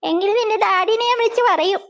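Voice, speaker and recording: Old cartoon granny, played by a voice actor, very high voice, gravelly, coaxing, firm. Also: fast talker, fairly bright tone, dull audio. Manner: coaxing, scolding. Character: fussy old grandmother, patient but firm. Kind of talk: cartoon voice acting.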